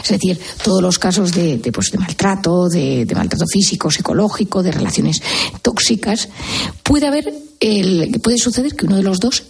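Gravelly earnest woman explaining. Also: fairly low pitch, animated, normal speed, darkish tone. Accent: Spain Spanish. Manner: earnest, explains with example questions. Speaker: psychiatrist guest. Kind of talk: explanatory radio talk.

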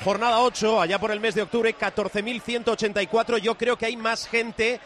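Male football radio reporter, Spain accent, forceful high voice, slight background noise. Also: little pitch movement, brisk. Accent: Spanish, from Spain. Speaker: match reporter.

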